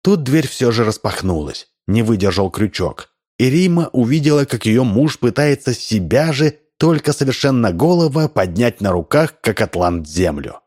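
A man reading a humorous story aloud as narrator, with lively, expressive delivery. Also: mid-range voice, moderate pace. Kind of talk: audiobook reading.

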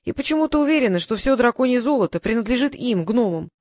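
A woman's voice: fairly high pitch, animated, quick pace, a little mellow, dry recording, natural voice. A bashful young dragon-turned-man from a fantasy storybook, read by a woman. He talks in an easy, casual way, sheepish one moment and a little boastful the next. The voice is dry and close. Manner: embarrassed, casual. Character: young male dragon in human form, shy and boastful.

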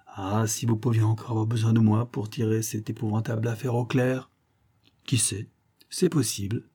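A man's voice: on the low side, little pitch movement, normal speed, mellow, slightly rough. A man reading the part of a grateful, earnest phonograph operator in a storybook.

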